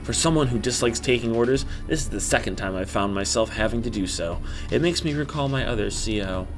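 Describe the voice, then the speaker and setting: A man's voice: mid-range voice, fairly quick, soft background music, close to an everyday voice. A man voicing a solemn female bounty hunter narrating game story, in stilted amateur bad acting. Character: solemn female space bounty hunter recounting her past.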